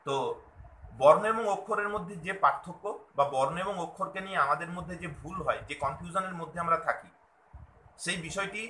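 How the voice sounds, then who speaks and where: A man giving a patient grammar lesson, repeating key points slowly for emphasis. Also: on the high side, pushed and bright, a little hiss or hum. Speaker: language teacher. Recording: echoey room.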